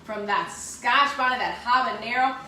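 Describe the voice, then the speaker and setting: A woman's voice: a little high, normal speed, bright, forceful tone, roomy sound. A woman hosting a live cooking class from her home kitchen, chatty and exuberant, calling her viewers y'all. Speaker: cooking show host.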